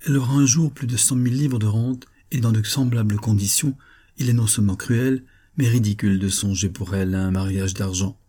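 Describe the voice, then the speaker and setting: A man's voice: fairly low pitch, steady tone, a little fast, dark tone, lightly acted. A man reading an audiobook, voicing a composed and resolute aristocratic mother who stands up to her husband. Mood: firm. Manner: firm and composed. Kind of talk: audiobook reading of a 19th-century novel.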